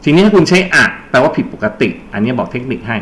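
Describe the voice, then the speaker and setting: A man's voice: mid-range voice, big pitch swings, quick pace, fairly bright tone. A man teaching an English grammar lesson for exam preparation, explaining step by step and quizzing his students with prompts. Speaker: English tutor.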